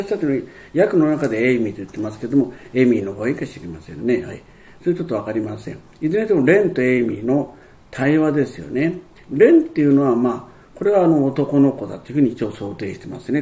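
A man's voice: medium pitch, dark tone. A man explaining an English textbook lesson in a rambling way, with many fillers and restarts. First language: Japanese. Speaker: English teacher.

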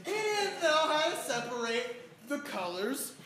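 High-voiced woman for stage improv, indignant and quick, recorded from afar in an echoey hall. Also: big pitch swings, background noise. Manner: indignant, bickering, quick comebacks. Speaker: improv performer. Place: large theatre stage. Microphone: far room mic. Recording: echoey theatre from afar with audience. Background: audience laughter.

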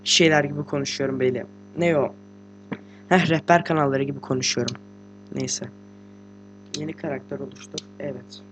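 A teenage boy, a gaming host, giving casual let's-play commentary while sick and talking quietly, chatty, slangy and joking with swearing. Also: mid-range voice, fairly even intonation, a little fast, long pauses, slight background noise. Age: teens. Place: room at home with a computer.

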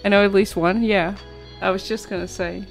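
A woman's voice: medium pitch, steady tone, normal speed, creaky, faint music behind. A woman streamer chatting casually with her viewers, reacting to chat with frequent laughter and yawning from tiredness.

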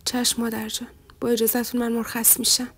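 A woman voicing a patient, hurt young husband who asks gentle questions. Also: on the high side, completely flat delivery, breathy edge, no echo.

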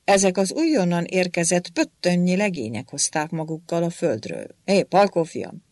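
A narrator voicing a blunt, gruff old male war hero who booms and grumbles in an audiobook. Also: very animated, darkish tone, no room sound, studio quality. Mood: booming.

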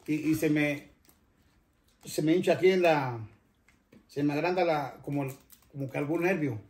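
A man's voice: on the high side, normal speed, darkish tone. An older man, hosting a cooking channel and chatting casually to viewers in a rambling way that often stops and restarts. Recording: roomy, echoey room.

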